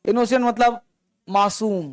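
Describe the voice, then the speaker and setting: High-voiced man teaching a grammar class. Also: steady tone, no room sound, rough recording. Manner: explains slowly, repeats words and drills students.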